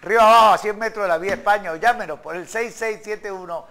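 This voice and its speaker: A TV host in his sixties reads the news from a studio, then jokes his way through ad reads, bursting into laughter along the way. His voice sits high and bright with vocal fry, fast and forceful, picked up on a studio mic.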